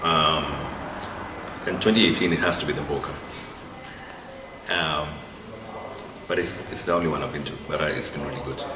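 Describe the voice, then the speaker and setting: Male interviewee, Kenyan accent, low-pitched, halting conversational delivery; recorded off-mic with noticeable background noise. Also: steady tone. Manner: halting, often repeats and restarts phrases. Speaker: interviewee, literary blogger. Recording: distant, echoey, noisy room.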